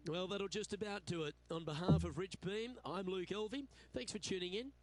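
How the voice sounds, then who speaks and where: A man calling golf play-by-play with an upbeat manner and quick exclamations. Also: high voice. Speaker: golf commentator. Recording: loud crowd and noise behind. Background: crowd and noise.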